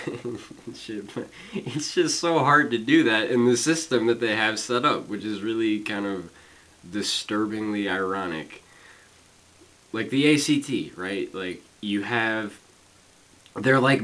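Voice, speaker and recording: A young man in his late teens venting in a casual vlog, rambling with lots of fillers and swearing, swinging between loud complaints and quiet mumbling. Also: medium pitch, animated, unhurried, rough recording. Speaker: student vlogger.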